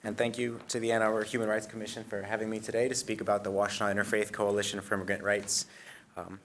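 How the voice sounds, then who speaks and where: Flat, low-voiced man presenting. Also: a little hiss or hum. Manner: steady, measured delivery with frequent ums. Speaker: invited presenter. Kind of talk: prepared presentation. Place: public meeting room.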